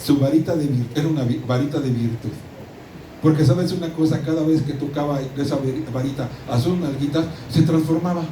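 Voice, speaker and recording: Preaching a sermon, a middle-aged pastor with a Mexican accent speaks in a voice on the high side and at a slightly quick pace, hammering points home and often repeating or restarting. Distant miking picks up roomy echo, room ambience, and background noise.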